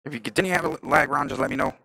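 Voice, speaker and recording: A man's voice: fairly high pitch, animated, rapid-fire, vocal fry, pushed and bright, no room sound, low-quality recording. A man giving casual live play-by-play of a pool match, thinking aloud about shot choices. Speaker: pool commentator.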